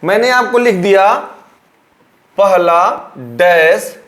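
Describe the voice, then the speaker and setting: A man's voice: high voice, takes it slowly, a bit bright. A male teacher explaining grammar at a board, repeating words and drawing them out.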